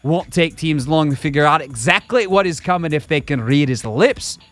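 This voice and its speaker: A sports radio host voicing an internet commenter in a put-on Scottish accent. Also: male voice, a little high, animated, normal speed, fairly bright tone, soft background music. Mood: mock-serious.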